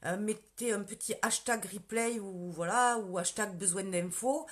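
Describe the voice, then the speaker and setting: A beauty sales consultant from southern France, with a strong countryside accent, chats casually on a live stream in a medium-pitched, slightly slow voice. She answers viewers' questions about her sales work and greets commenters by name.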